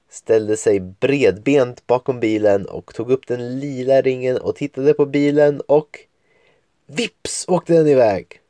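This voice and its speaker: A man's voice: mid-range voice, mellow, no echo. A man reading a children's story aloud at home, with playful voices for the children's lines. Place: home room at a computer.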